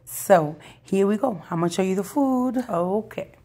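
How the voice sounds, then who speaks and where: Losing her voice, a budget cooking vlogger sounds raspy and husky, with occasional breaks, yet her medium-pitched delivery stays lively and dark-toned at a moderate pace. She talks familiarly and supportively to viewers while cooking at home.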